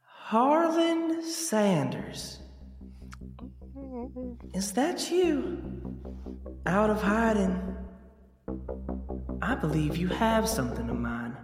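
A disembodied spirit voice, magically amplified so it seems to fill every space, as a man game master puts it on. It rings high and slow, stretching its words out. It sounds set back from the listener. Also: very animated, echoey room, big-room sound, distant mic, music in the background, full character voice. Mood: commanding. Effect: magically amplified voice, heard within and around. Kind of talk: narrating a tabletop game.

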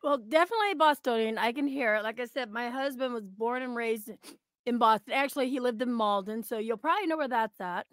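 A middle-aged American woman from Oregon chats casually as a podcast guest, giggling and joking along the way. Her voice is a little high and a bit bright, she speaks slightly fast, and there's no echo.

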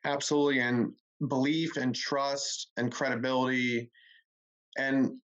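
A man's voice: mid-range voice, level tone, a little slow, fairly bright tone. A man hosting an interview, affirming his guest in long, rambling run-on sentences. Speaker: interview host. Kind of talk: casual interview chat. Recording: dull lo-fi audio.

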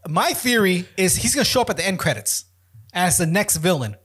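A man with a fairly high voice, chatting on a podcast. He makes his case firmly, pushing his opinions and theories. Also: big pitch swings, fairly quick, fairly bright tone, slightly rough. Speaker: podcast co-host. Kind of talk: casual chat.

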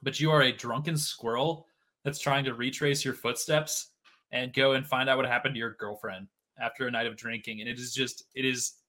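Chatty bright-voiced man in his twenties. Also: medium pitch, fairly even intonation, moderate pace. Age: 20s. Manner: chatty, rambling, many fillers. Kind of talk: casual chat.

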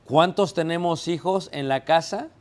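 Animated, questioning male preacher. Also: fairly high pitch, measured pace. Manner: asks the congregation questions and answers himself; acts out everyday scenes with quoted voices. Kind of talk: sermon.

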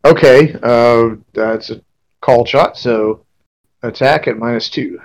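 남자 게임 마스터, 더듬더듬 이어가는 서술. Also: male voice, medium pitch. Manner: halting, pieces descriptions together as he goes. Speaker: game master. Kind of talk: narrating a tabletop role-playing game.

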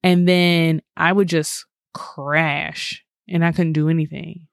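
A woman's voice: low-pitched, takes it slowly, creaky, clean tone, dry recording, studio quality. A woman co-hosting a podcast in casual chat, telling stories with lots of "like" and acted-out quotes. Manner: animated storytelling, acts out quoted dialogue, frequent "like".

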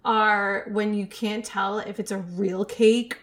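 A woman co-hosting a podcast in casual chat, upbeat and quick to laugh. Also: mid-range voice, steady tone. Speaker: podcast co-host.

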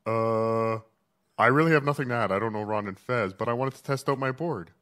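A man calling in as a guest, his voice run through heavy board reverb like a vintage echo chamber, joking in a deadpan way. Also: lowish voice, fairly quick, very noisy. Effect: heavy reverb from his own mixing board, a vintage echo chamber sound.

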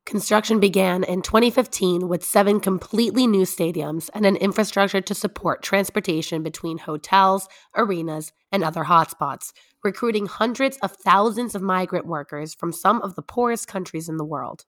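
A young woman co-hosting a conversational podcast, with a hoarse, raspy voice that is nearly lost from a cold. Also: medium pitch, moderate pace, hardly any pauses. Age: young adult. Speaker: podcast co-host.

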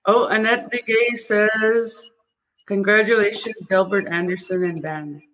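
A woman with a Cree accent hosting a casual livestream interview, speaking haltingly and often repeating words. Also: mid-range voice, steady tone, a bit bright, rough recording. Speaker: show host.

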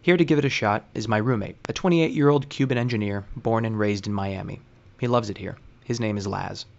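A man hosting a show, reading scripted narration in a dry, deliberate and wry way. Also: fairly low pitch, creaky, dull audio. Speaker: host.

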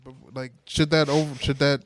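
A man co-hosting a casual dating podcast, talking in halting, self-conscious bursts full of restarts. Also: a little high, level tone, a little hiss or hum. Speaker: podcast co-host. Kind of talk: casual chat.

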